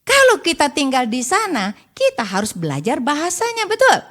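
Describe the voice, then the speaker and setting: An older woman preacher delivers a church sermon in a high, bright voice. Her pitch leaps and swoops all the time. She keeps pressing her listeners with rhetorical questions. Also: moderate pace. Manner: animated, rhetorical questions to the congregation. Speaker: evangelist preacher. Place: church service.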